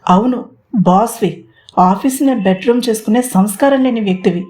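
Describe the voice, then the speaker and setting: A woman's voice: mid-range voice, normal speed, lightly acted. A woman voicing a proud, defiant young woman. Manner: sharp, defiant retorts.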